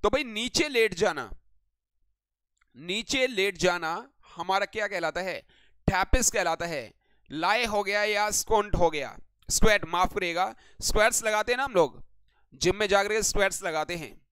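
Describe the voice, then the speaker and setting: A man's voice: sits high, moderate pace, sharp tone, clear, resonant tone, dry recording. An Indian man teaching English vocabulary in a live online class, greeting viewers by name and repeating each word as a question for the class.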